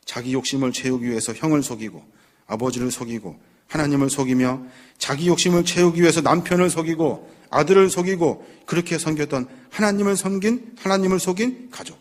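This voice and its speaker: A man's voice: on the high side, a little fast. A male pastor preaching a sermon, telling the story with dramatic flair and acting out the characters' pleas. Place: church sanctuary.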